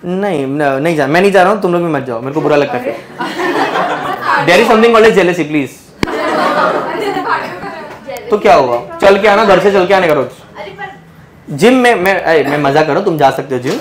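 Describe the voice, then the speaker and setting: A man's voice: on the high side, expressive, normal speed, pauses often. Playful male biology teacher in class. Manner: playful, teasing, mixes English terms into Hindi. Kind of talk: joking classroom lecture. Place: classroom with students. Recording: noisy classroom crowd.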